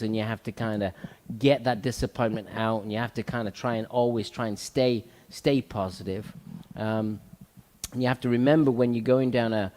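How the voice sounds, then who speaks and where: A man's voice: mid-range voice, darkish tone. A man hosting a talk show, speaking earnestly and motivationally as a salon owner, repeating his key points. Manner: earnest, repetitive, motivational, with frequent fillers. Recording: long hall reverb.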